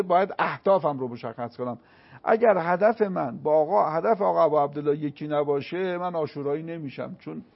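A man giving a religious lecture as a guest, speaking in a preacherly way that rises into emphatic declamation. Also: a little high. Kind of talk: religious talk on a show. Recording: dull lo-fi sound.

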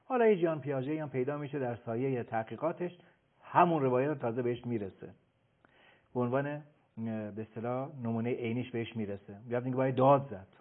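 A man explaining as a guest expert on a radio talk show, emphatic and lecturing, often pausing on filler sounds. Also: medium pitch. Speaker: guest expert on child behavior. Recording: phone-like radio broadcast.

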